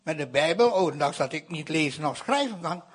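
A man's voice: on the high side, expressive, fairly quick, husky. A man from India gives a sermon-style testimony. He tells the story with animation, acts out the voices of the people in it, and keeps addressing his listeners directly. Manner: keeps addressing the audience with "I tell you".

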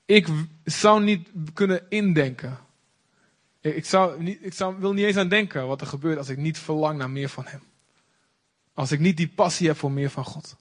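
A man's voice: a little high, normal speed. A young man from the Netherlands preaching a sermon with passionate, emphatic repetition. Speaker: pastor.

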